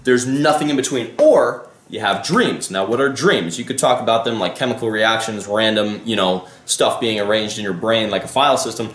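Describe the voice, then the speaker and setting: A man's voice: lowish voice, expressive, moderate pace, hardly any pauses, fairly bright tone, echoey room. A man vlogging his musings in a casual, rambling way, often losing his thread, restarting and swearing casually. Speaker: vlogger and life coach. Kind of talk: casual spoken musing to camera.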